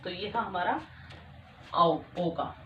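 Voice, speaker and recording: A woman's voice: on the low side, takes it slowly. A young woman teaching a grammar lesson, patiently repeating each point and checking that her students follow. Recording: echoey room, dull lo-fi sound, faint noise.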